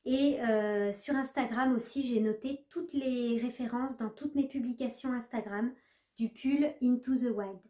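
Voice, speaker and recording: A slightly high-voiced woman talks casually to her viewers, chatty and full of small hesitations. The room around her is echoey. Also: measured pace, warm tone. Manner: chatty, hesitant with many fillers. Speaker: knitting vlogger. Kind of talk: casual chat to camera.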